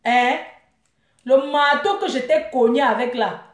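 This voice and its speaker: A woman's voice: sits high, unhurried. A young woman ranting at a rival in a mocking, scornful vlog, laughing often as she taunts. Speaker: vlogger. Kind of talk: taunting live rant. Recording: echoey room.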